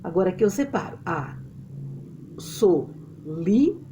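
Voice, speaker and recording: A Brazilian woman teaching a literature lesson to a camera, explaining step by step in an animated way and often checking that her students follow. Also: mid-range voice, normal speed, slight background noise. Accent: Brazilian Portuguese. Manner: animated and explanatory, checks understanding with tag questions. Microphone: camera mic.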